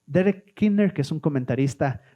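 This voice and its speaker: A male preacher delivers a sermon with a high, lively voice. His tone is dark and mellow, and he keeps turning to the congregation with questions. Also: normal speed. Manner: animated, asks the congregation questions.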